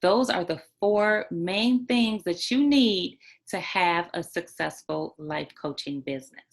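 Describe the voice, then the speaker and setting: A woman's voice: lowish voice, takes it slowly. A woman giving an online training on life coaching, emphatic, repeating key points and checking in with "right?" and "okay?".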